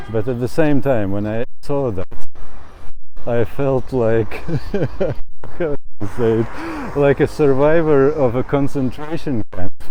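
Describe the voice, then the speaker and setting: A man in his thirties from Latvia, speaking in a slow, thoughtful personal monologue and laughing often as he talks. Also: medium pitch, dark tone, slight background noise, rough recording. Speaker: travel vlogger. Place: outdoors in a town.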